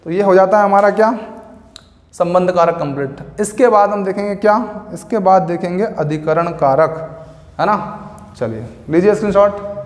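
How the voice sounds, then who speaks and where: A man teaches a grammar lesson in a fairly high voice, drilling each example word by word and quizzing with rhetorical questions. The sound rings in a roomy space with a long reverb tail. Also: moderate pace. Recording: echoey room with long reverb.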